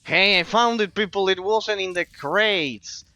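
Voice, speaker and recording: A man's voice: sits high, unhurried, bright, forceful tone, dry recording. A man from Argentina, streaming a game while answering chat and rambling about philosophy, often repeating himself. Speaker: gaming streamer. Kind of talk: casual commentary while gaming, replying to chat.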